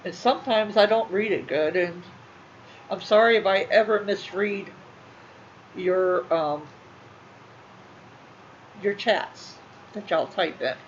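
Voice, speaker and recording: A middle-aged woman talks casually to her viewers, halting, repeating herself and sounding emotional. The recording is a little dull and muffled. A faint noise sits underneath her voice. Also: mid-range voice. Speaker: channel host. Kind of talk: casual talk to livestream viewers.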